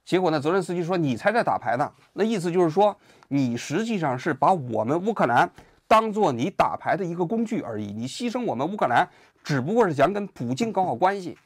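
A man's voice: a little high, a little fast, no echo, studio quality. A man hosting his own political commentary show, talking casually and asking many rhetorical questions. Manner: animated, full of rhetorical questions.

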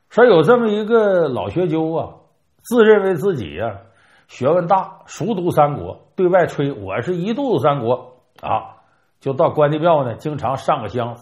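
A man telling a comic folk tale in an animated, jokey way, acting out the characters' dialogue. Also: mid-range voice, dull audio. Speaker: storyteller.

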